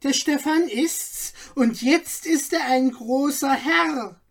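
A woman voicing a self-important, loudly gossiping townswoman with a piercing voice. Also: sits high, slow, pitched above the performer's own voice. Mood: boastful. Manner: loud, boastful, piercing.

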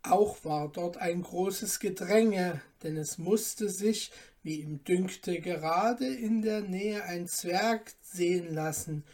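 Slow, calm woman reading a fairy tale. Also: lowish voice. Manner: calm, measured storytelling. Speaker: narrator. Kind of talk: storybook reading.

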